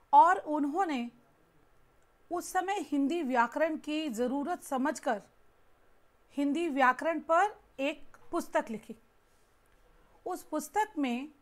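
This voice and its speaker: Slow, high-voiced woman teaching grammar. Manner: explains patiently with everyday examples. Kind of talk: classroom lecture.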